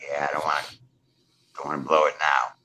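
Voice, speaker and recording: A man's voice: extremely low pitch, flat delivery, fairly quick, sharp tone. A man playing a one-on-one tabletop game, giving short, plain replies to the game master. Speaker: player.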